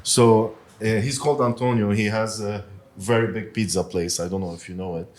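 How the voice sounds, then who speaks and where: Hesitant low-voiced man, owner talking shop. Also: fairly even intonation, brisk. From Lebanon. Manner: hesitant, many fillers, soft-spoken. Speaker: pizzeria owner. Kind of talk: casual interview chat. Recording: faint background noise.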